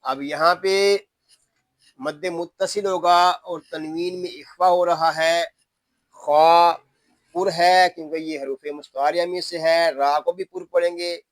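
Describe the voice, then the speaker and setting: A man teaching Quran recitation rules word by word, patiently explaining each rule and chanting the verses in long, drawn-out tones. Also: a little high, steady tone, no echo. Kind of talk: tajweed lesson, word by word.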